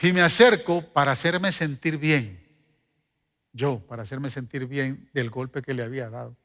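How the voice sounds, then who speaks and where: A man's voice: mid-range voice, moderate pace, a bit bright. A middle-aged man preaching a sermon as pastor, telling stories and joking with his congregation. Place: church hall. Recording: long hall reverb.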